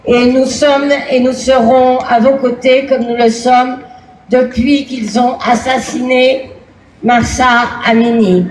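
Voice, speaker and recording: A woman with a Parisian French accent giving a deliberate, declamatory speech as an activist at a rally. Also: a little high, darkish tone. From Paris, France. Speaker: feminist activist, rally speaker. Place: outdoor demonstration, amplified mic. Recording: echoey outdoor rally PA, background noise.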